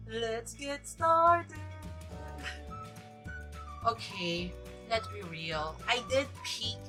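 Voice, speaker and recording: Chatty woman in her forties. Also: medium pitch. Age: 40s. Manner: chatty and rambling, upbeat. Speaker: vlogger and teacher. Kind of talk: casual vlog chat to camera. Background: background music.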